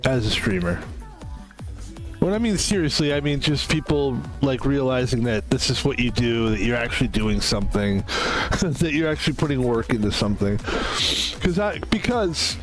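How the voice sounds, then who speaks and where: A man's voice: medium pitch, rough recording. Rambling man in his fifties streaming. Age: 50s. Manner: rambling, self-interrupting, chatty. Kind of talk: casual gaming stream chat.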